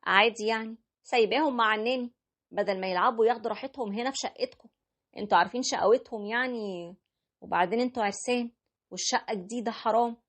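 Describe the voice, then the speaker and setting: An offhand sister-in-law with boisterous kids, as a woman reader puts her on talks in a quick, dismissive storybook voice. It is husky and a bit raised in pitch. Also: fairly bright tone.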